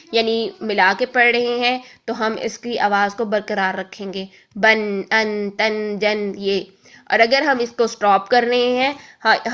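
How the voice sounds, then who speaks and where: A woman with a fairly high voice teaches a recorded lesson on reading the Quran, explaining patiently and often checking in with the listener. She draws out example syllables slowly and loudly.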